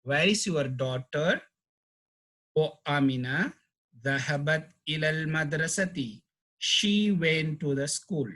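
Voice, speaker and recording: Brief: male language teacher, slow and patient, husky voice. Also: on the high side, sharp tone. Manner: explains slowly, repeats phrases, translates word by word. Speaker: Arabic teacher. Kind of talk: language lesson.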